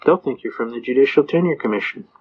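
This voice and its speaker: Older guy rambling thru folksy stories, mid-pitched voice, kinda muffled lo-fi sound. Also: lively intonation, fast, slightly rough. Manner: folksy, anecdotal, acts out quoted voices. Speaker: speaker giving advice on citizens' rights. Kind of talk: rambling storytelling talk.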